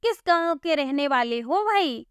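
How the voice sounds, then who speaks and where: Woman doing an impatient policeman, high voice, scolding, dry and close. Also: lively intonation, unhurried, no echo. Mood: exasperated. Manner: scolding, exasperated. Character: impatient, bossy village police constable, man. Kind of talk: storybook voice acting.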